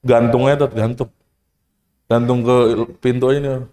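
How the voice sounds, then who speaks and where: A man's voice: mid-range voice, level tone, normal speed, dark tone. A man teaching Quran recitation, asking the class questions, demonstrating sounds, adding casual jokes. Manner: casual, joking asides. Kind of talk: tajwid lesson to students. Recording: echoey hall with long reverb.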